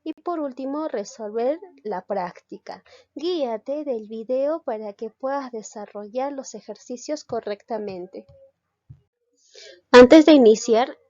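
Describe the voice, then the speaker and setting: A woman's voice: a little high, mellow, no echo. A woman teacher giving a recorded class, explaining step by step and asking and answering her own questions. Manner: checks understanding with a short tag question. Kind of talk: recorded online class lesson. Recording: dull lo-fi dry recording.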